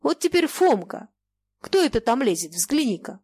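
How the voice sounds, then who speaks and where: Woman doing a shrill, scolding old merchant. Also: big pitch swings, normal speed, darkish tone, breathy edge, exaggerated voice. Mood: scornful lecturing. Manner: scolding, sarcastic, turning shrill when enraged. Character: cantankerous old merchant man, sly, quick to rage.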